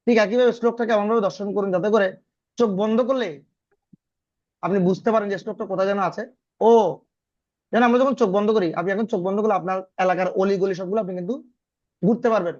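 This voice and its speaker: A man teaching a scripture class over a video call, explaining step by step with frequent check-in questions and chanting verses slowly in a singsong tone. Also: sits high, steady tone, a little mellow, dry recording, muffled recording. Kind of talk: online scripture lesson.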